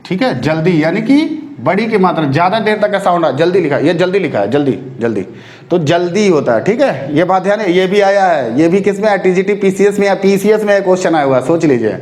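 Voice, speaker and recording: A man teaching an exam-prep spelling lesson, drawing words out slowly and often asking if students follow. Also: sits high, lively intonation, darkish tone, echoey room. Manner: repeats words slowly to drill pronunciation; keeps checking if students follow.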